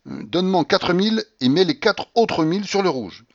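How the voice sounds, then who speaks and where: Man doing a raised-pitch old grandmother, imperious, commanding, dull lo-fi sound, storybook reading. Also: big pitch swings, moderate pace, full character voice. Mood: triumphant. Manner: shrill, commanding, impatient.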